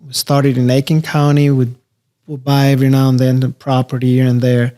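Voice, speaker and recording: A man, a real estate investor talking casually as a podcast guest, relaxed and rambling with many fillers. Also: medium pitch, brisk. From Albania. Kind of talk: casual interview conversation.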